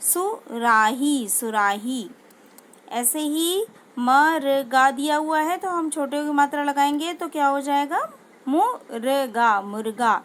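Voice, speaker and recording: A woman teaching a children's language lesson, saying each word slowly and twice. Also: high voice, expressive. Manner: slow, drawn-out pronunciation of each word, repeating it twice. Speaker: school teacher.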